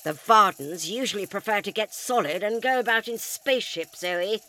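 A woman's voice: mid-range voice, moderate pace, pushed and bright, close to an everyday voice. A woman reading the part of a grim, urgent male doctor in a storybook. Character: grim, brisk male doctor, older and knowing.

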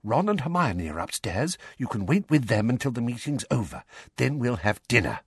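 A man reading a storybook aloud, voicing a bustling, motherly middle-aged witch who talks in urgent hushed whispers. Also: medium pitch, big pitch swings, moderate pace, breathy edge, no room sound, studio quality.

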